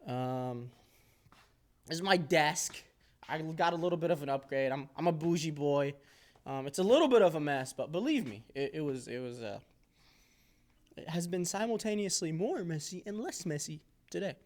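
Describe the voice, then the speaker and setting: Animated and a little high, at a moderate pace, a man in his early twenties casually shows off a workshop indoors. His rambling tour is jokey and self-deprecating, with plenty of playful exaggeration.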